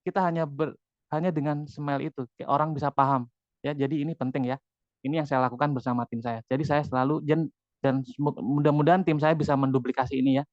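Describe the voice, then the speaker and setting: A man's voice: a little high, fast talker, no echo, lo-fi sound. Chatty man leading an online training. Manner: lively, chatty, addresses the audience often. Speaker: business team leader giving a training. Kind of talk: motivational training talk.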